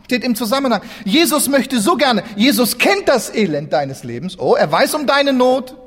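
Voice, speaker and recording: A man preaching a sermon in a church, lively and dramatic, acting out biblical figures as he tells the story. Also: very high-pitched, moderate pace, long reverb tail. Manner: animated, acts out biblical figures in dialogue.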